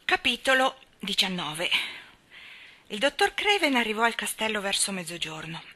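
A woman reading a children's novel aloud, telling the story calmly and evenly. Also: mid-range voice, moderate pace. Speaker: audiobook reader.

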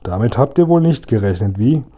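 A man reading aloud gives voice to a swaggering storybook robber who sneers at his captives. The tone is dark and husky, gloating and sure of himself. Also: mid-range voice, animated, a little fast, natural voice. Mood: mocking. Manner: taunting, sneering. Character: boastful gruff male robber, mocking.

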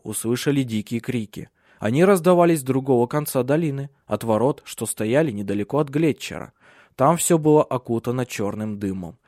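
A man narrating an audiobook in an even, measured storytelling manner. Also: mid-range voice, no room sound, clean studio sound. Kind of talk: scripted narration.

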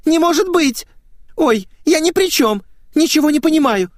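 A high, shrill young woman who squeals and stammers in a nervous flurry, voiced by a male reader. Her pitch leaps about a lot. The recording is close and dry. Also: lively intonation, normal speed, no echo. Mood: panicked. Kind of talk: audiobook character voicing.

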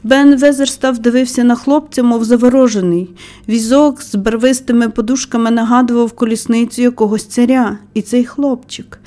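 Woman narrating an audiobook, fairly high voice. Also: steady tone, moderate pace, dark tone. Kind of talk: scripted narration.

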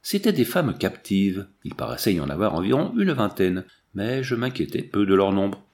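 A man reading a classic adventure novel aloud in steady, measured narration, with slight shifts for the quoted voices. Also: on the low side. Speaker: audiobook reader.

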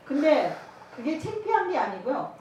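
A woman's voice: high voice, sing-song, moderate pace, a little mellow, slight background noise. A woman giving a sermon with a personal testimony. She acts out dialogue as she tells the story and laughs often. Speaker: evangelism trainer. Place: church. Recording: echoey church hall, mic at a distance.

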